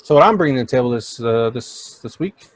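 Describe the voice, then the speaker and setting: A man's voice: medium pitch, animated, fast talker, no room sound. Blunt, laughing young man, dry sound. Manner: blunt, laughing storyteller, swears freely. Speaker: podcast co-host. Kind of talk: casual chat.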